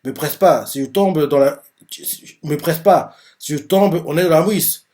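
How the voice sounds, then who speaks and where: A man's voice: fairly high pitch, measured pace, a little mellow, lightly acted. A man voicing a worn-out, stubborn teenage boy in his own voice. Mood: tense.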